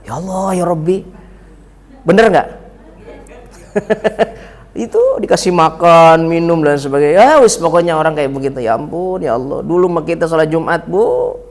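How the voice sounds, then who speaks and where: A man giving a mosque lecture, teasing and joking with his audience as he tells stories. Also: high voice. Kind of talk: sermon. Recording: long reverb of a mosque hall.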